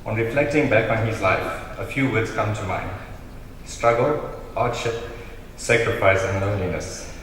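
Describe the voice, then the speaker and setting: A man's voice: lowish voice, a bit bright. Echoey, solemn South African man giving a eulogy. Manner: solemn, measured farewell. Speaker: family member giving a eulogy. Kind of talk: prepared funeral eulogy read aloud. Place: large reverberant hall. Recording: very echoey hall, distant mic, noisy.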